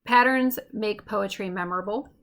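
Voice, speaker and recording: A woman teacher giving a recorded lesson, explaining clearly and slowing down to tap out rhythms. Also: medium pitch, fairly bright tone.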